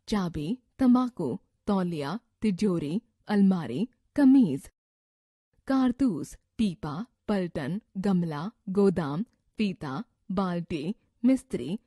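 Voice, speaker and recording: A woman reading a scripted grammar lesson from a textbook, slowly listing word examples one by one. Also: lowish voice, dark tone, no echo, clean studio sound. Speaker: textbook narrator.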